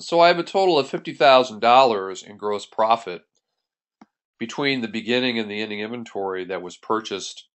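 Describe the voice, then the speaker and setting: This is a voice-over on a screen recording in which a man, an accounting instructor, takes viewers through a tutorial one step at a time. His pitch is fairly low and his tone fairly bright.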